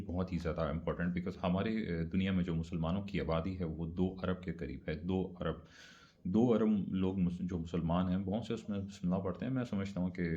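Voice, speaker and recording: A man's voice: low-pitched, warm tone, highs cut off. A man giving a casual religious talk. He repeats his points and mixes English words into his speech. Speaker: speaker explaining religious practice.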